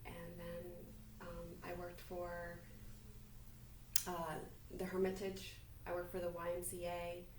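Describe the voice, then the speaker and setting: A woman in her forties from Colombia, a native Spanish speaker who owns a business, appears as a podcast guest and narrates her life story in a chatty, upbeat, confident manner during a casual interview. She speaks slowly in a fairly low, darkish, monotone voice. The recording is distant and roomy, with faint hiss.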